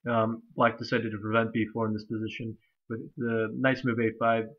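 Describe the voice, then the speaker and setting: Nasal, stuffy young man analyzing chess. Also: medium pitch. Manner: rambling, many fillers, hesitant restarts. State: stuffy from allergies. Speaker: chess commentator. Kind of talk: casual chess game analysis. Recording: slightly dull lo-fi recording.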